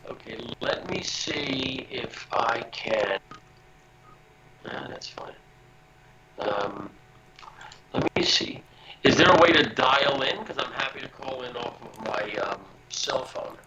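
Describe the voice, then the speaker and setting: A man, a security professional on a video call, explaining with everyday analogies in a halting way, his voice coming through robotic and distorted. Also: mid-range voice, dull audio, very noisy. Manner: halting, many restarts. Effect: robotic, distorted metallic voice. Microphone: video call microphone.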